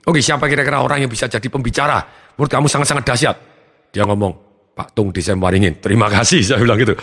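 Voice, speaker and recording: A man giving a motivational seminar talk, energetic and acting out his students' lines. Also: medium pitch, quick pace, husky, long reverb tail. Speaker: motivational trainer.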